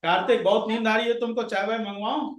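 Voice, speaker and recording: Man, Indian accent, classroom teacher, questioning students, high voice, distant roomy recording. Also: fairly even intonation, quick pace. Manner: strict, questioning, calls on students by name. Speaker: science teacher.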